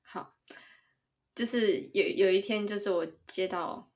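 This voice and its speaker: A woman's voice: medium pitch, a little slow. A woman co-hosting a podcast, telling stories in casual chat with lots of giggling. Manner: giggly, animated storyteller. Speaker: podcast co-host.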